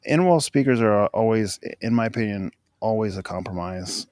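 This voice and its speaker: Low-pitched guy giving his honest take on a podcast, dry close mic. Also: moderate pace, darkish tone, no echo. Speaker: podcast co-host. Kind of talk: casual chat.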